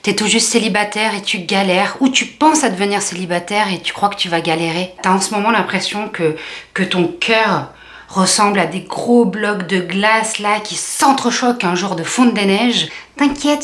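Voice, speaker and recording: A woman's voice: mid-range voice, moderate pace, fairly bright tone. A woman comedian giving a chatty, teasing comic monologue straight to the viewer. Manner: chatty, direct address, teasing. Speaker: comedian vlogger.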